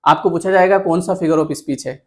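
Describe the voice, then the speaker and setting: A man's voice: fairly high pitch, moderate pace. An Indian-accented man teaches an exam-prep lecture. He explains patiently, repeats the key points and slips English terms into his talk.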